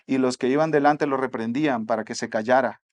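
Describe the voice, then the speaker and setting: A pastor with a Mexican accent preaches a sermon at a brisk pace, alternating between soft asides and loud exhortation. His voice is medium-pitched.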